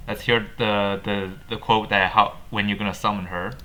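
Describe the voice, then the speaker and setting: Hosting a gaming video with casual commentary on updates, a man speaks haltingly, frequently repeating and rephrasing his words. His voice sits on the low side, with a flat delivery and a sharp tone.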